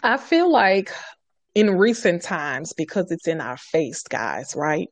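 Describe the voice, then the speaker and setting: Woman, lowish voice, earnest, emphatic, dry close sound, podcast chat. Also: big pitch swings, slow pace, no echo. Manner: earnest, emphatic, repeats points for stress. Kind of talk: casual podcast conversation.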